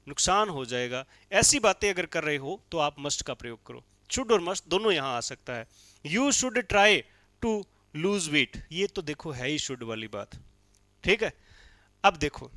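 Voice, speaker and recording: Indian guy teaching grammar, hindi accent, goes slow on the english examples, dry close sound. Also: a little high, pushed and bright, no echo. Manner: explains step by step, reads English examples slowly. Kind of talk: classroom lecture.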